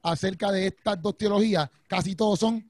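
Guy, high voice, talks super fast, keeps going exacto exacto. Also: steady tone, a little mellow. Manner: quick, agreeing, repeats "exacto". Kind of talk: casual chat.

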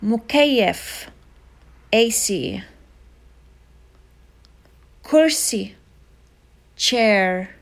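Slow, patient woman teaching a language. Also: medium pitch, expressive, vocal fry. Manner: slow, repetitive teaching with many fillers. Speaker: Arabic tutor. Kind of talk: casual online language lesson.

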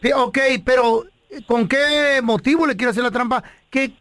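A man's voice: very high-pitched, moderate pace, a bit bright, no room sound. A man co-hosting a comedy radio show, wisecracking in slangy Mexican Spanish.

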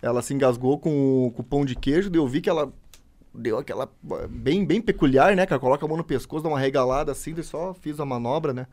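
A young man, a firefighter, chatting casually and easily, pausing now and then to recall details. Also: medium pitch. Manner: relaxed, easygoing, pauses to recall details. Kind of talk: casual chat.

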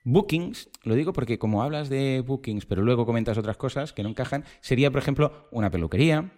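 A man hosting a casual tech podcast. He explains things with everyday examples and throws out rhetorical questions. His voice sits at a middle pitch, and his delivery swings lively up and down. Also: fast. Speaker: podcast host.

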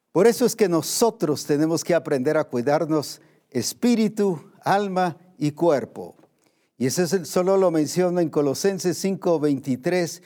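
This preacher's voice sits on the high side. His sermon is emphatic, rising and dropping to a hush, and he slows his pace whenever he lands on scripture.

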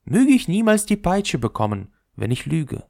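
A proud male spinning top from a storybook who brags eagerly about himself, as a man puts him on. His voice sits raised above a plain speaking voice, with lively swings and a gravelly grain. The sound is dry and close. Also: on the high side, moderate pace, no room sound, pitched above the performer's own voice. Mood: boastful. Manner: eager and boastful.

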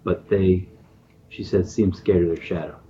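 A man's voice: low voice, steady tone, moderate pace, over music. A man narrating as the game master of a tabletop game, in a loose, chatty way with fillers. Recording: dull lo-fi recording with faint noise.

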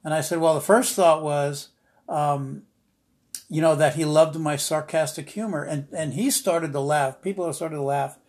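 A man's voice: a little high, steady tone, a little slow. A middle-aged man hosting a devotional podcast, telling a story in a rambling way with many fillers and restarts and a dry, sarcastic humor. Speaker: podcast host, ministry teacher. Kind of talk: informal devotional podcast talk.

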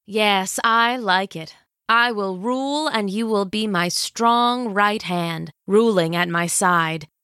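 A woman voicing a shrewd, regal old villainess in armor who speaks slowly and commandingly. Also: medium pitch, sharp tone, clear, resonant tone, no room sound, clean studio sound. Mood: gloating. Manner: slow, gloating, commanding.

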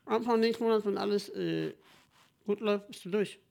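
A young man co-hosting a casual podcast, talking in an animated, jokey, rambling way. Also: high-pitched, a little fast, creaky. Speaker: podcast co-host. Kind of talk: casual chat.

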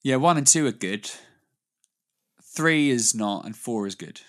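A man's voice: medium pitch, animated, a little slow, fairly bright tone. A British man co-hosting a casual podcast chat, rambling with frequent laughs and restarts. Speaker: podcast co-host.

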